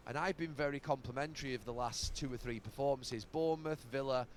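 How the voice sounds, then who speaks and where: Measured man analysing football. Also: mid-range voice, a little hiss or hum. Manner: measured, hesitant with fillers. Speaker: football pundit.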